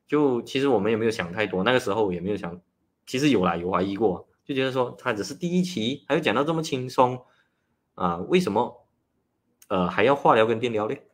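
A male nutritionist hosts a relaxed livestream, explaining things in a chatty manner and opening many phrases with a drawn-out "ah". His voice is fairly low and expressive.

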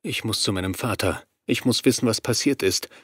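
A driven young man, quiet and low, as if he already senses the spirits, as a male reader voices him. His voice stays hushed and intense throughout. The audiobook recording is dry and close. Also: a little fast, slightly rough, dry recording.

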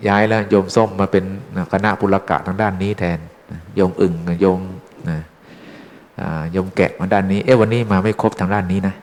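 A man's voice: fairly low pitch, level tone, a little fast. A Buddhist monk giving an informal, chatty dharma talk, teasing his listeners with questions. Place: temple hall. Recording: long hall reverb.

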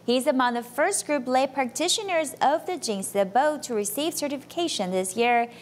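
A woman reading a scripted news voice-over in an even, measured way. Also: high voice, a little hiss or hum. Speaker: news narrator. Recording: voice-over with loud music bed.

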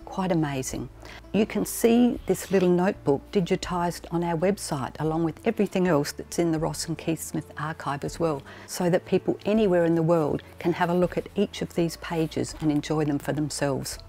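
Among the shelves of a big archive storage room, a librarian and exhibition curator delivers a prepared presentation to camera. She speaks at normal speed in a low-pitched, warm voice.

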